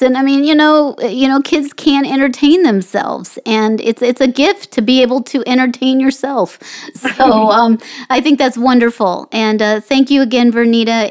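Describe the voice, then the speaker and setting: A woman with a slightly high voice hosts a conversational podcast. She talks in a rambling, encouraging way, peppering her sentences with "you know". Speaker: podcast host. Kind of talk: casual conversational interview.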